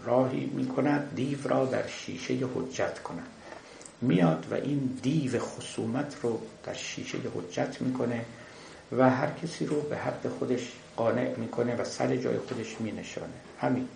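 A man giving a measured lecture, explaining a classic poem with frequent pauses and hesitations. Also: medium pitch, creaky, a little mellow. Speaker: lecturer on the Masnavi. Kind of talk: lecture commentary. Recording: echoey room with faint noise.

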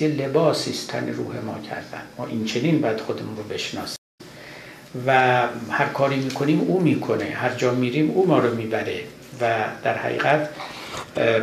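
Gravelly-voiced man lecturing in an echoey room. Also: medium pitch. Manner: measured, explanatory, recites verses. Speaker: lecturer on classical Persian poetry. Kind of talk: live lecture to an audience. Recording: echoey room with background noise.

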